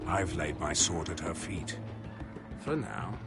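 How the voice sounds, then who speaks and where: An actor playing a brutal, scarred sellsword captain who swears constantly and makes sudden loud threats. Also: male voice, sits low, expressive, slow, full character voice. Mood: scornful. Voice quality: gravelly. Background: game music.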